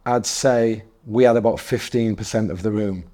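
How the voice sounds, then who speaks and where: A man's voice: on the low side, fairly even intonation, moderate pace, warm tone. A man in his forties talking as a guest in a casual interview, rambling and correcting himself, often breaking into laughs. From North East England.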